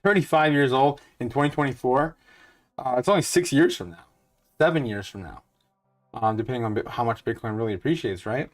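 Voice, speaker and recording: A man in his thirties who runs a crypto channel rambles through a retirement calculator, full of fillers and restarts yet upbeat and certain of his views. His medium-pitched voice is expressive and brisk.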